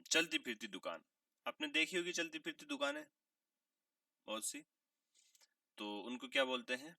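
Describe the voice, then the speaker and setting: A man teaching a vocabulary lesson, asking questions and answering them himself, repeating key words and clearing his throat now and then. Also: medium pitch, sharp tone, dry recording, clean studio sound, recorded from a distance. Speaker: English teacher.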